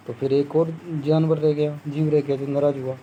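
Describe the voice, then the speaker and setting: In dull audio with a little hiss or hum, a young man with a fairly high voice and little pitch movement teaches Hindi exam prep at normal speed. He lays things out step by step, asks the class questions he answers himself, often says "theek hai," and humorously acts out scoffing crowd voices.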